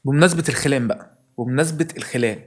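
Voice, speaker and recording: A comedy video host with an Egyptian Arabic accent speaks in a mid-range voice, faint music behind him. His comic monologue is a rapid, exasperated rant, with curses he chops off mid-word.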